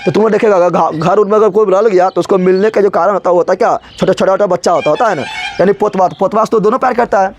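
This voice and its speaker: A man's voice: sits high, racing. A male teacher, explaining a story to his class and repeating his own questions before answering them.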